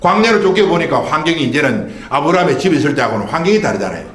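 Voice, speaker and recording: Animated man preaching in echoey church. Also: fairly high pitch, rapid-fire. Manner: preaching with rhetorical questions and call-and-response. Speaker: pastor. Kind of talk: Sunday sermon. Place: church sanctuary.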